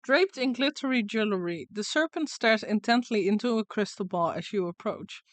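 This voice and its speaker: A woman's voice: mid-range voice, expressive, moderate pace, dry recording. A woman streamer giving casual game commentary and reading story narration aloud with dramatic flair.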